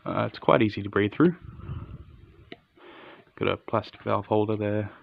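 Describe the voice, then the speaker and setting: A man's voice: fairly low pitch, moderate pace, gravelly, phone-quality sound. A man giving a casual, unscripted hands-on product review in an understated, matter-of-fact way.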